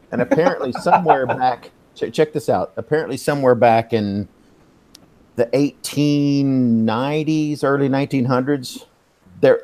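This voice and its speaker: A Texan man in his fifties hosts a casual live stream chat, rambling, swearing and losing track of where he was. His voice is mid-range with a darkish tone.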